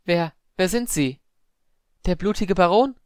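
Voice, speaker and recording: A man doing a shrill, shaky schoolgirl. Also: a little fast, dry recording, studio quality, close to an everyday voice. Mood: indignant. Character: frightened yet indignant schoolgirl.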